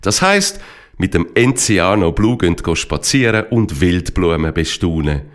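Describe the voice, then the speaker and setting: A man with a Swiss accent narrates a children's story. His voice sits a little low, yet the pitch rises and falls a lot. He tells it in a lively, playful way. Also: a little slow.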